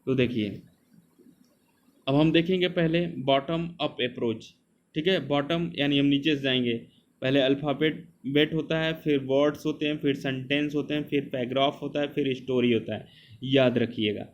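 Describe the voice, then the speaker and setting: A man teaches an exam coaching lesson, drilling terms by saying them again and again. His voice sits at a mid pitch. The recording is slightly dull and lo-fi, with a faint hiss underneath. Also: moderate pace.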